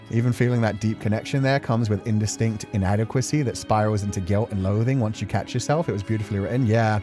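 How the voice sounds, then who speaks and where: Over background music, a man hosts a game playthrough as a streamer, speaking fairly quickly in a fairly low, slightly mellow voice. His commentary is casual and reflective, earnest and emotional, and tends to ramble.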